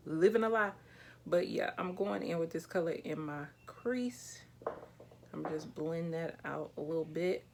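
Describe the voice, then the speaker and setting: Low, gravelly-voiced woman chatting casually. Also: measured pace, noisy background. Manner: relaxed, candid, chatty with slang and light swearing. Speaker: beauty vlogger. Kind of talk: casual chat while doing makeup. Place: small indoor room with a plain backdrop.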